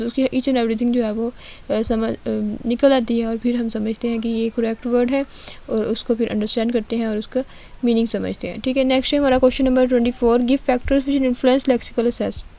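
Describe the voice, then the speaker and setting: A woman tutor giving an exam-prep lecture. She explains step by step, often checks in with the listener, and reads out definitions slowly. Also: on the high side, dark tone, muffled recording. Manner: explains step by step with frequent "ठीक है" check-ins. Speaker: study tutor.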